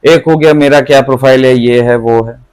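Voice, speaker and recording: Man, thirties, exam coach: mid-pitched, dry close recording, chatty Hindi-English explainer who repeats himself. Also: steady tone, brisk, darkish tone, smooth, no room sound, low-quality recording.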